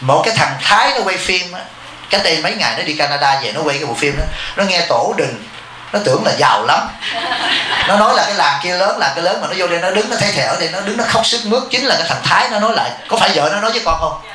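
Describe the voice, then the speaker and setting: Male Buddhist abbot, slightly high voice, quick and bright, blunt informal dharma talk, echoey room. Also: expressive, slight background noise. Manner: blunt, speaks of himself in the third person as teacher. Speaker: Buddhist monk and temple abbot.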